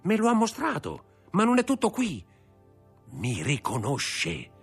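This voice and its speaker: A man's voice: high voice, wildly swooping pitch, takes it slowly, vocal fry, husky, faint music behind, voice pushed up, full character voice. A man reading aloud voices a cold, impatient young man who answers in curt, disdainful tones.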